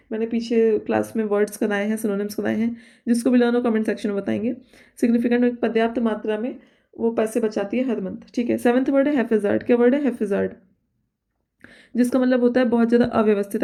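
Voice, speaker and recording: Female vocab tutor, mellow, monotone delivery, self-correcting. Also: on the high side. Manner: explains by listing synonyms, checks with "theek hai"; reads English example sentences slowly and deliberately. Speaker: vocabulary teacher. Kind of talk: exam-prep vocabulary lesson.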